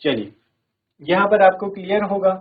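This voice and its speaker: A man with a fairly high voice teaches a virtual classroom lesson. He explains step by step, often checking in with the class, and reads English examples slowly. The sound is narrow and phone-like. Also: expressive. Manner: explains step by step, repeating "theek hai" often. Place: studio.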